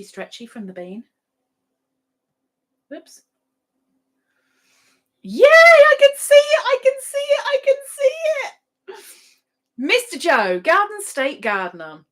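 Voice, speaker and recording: A woman hosts a casual livestream in a slightly bright voice on the high side. She chats playfully, drops in sing-song asides, and reads out viewers' adverts and notices.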